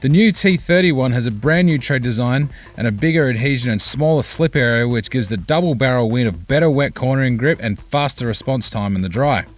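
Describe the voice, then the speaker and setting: Male voice-over narrator for a tyre review, mid-pitched, measured and technical. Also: soft background music. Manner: measured, technical, steady reading.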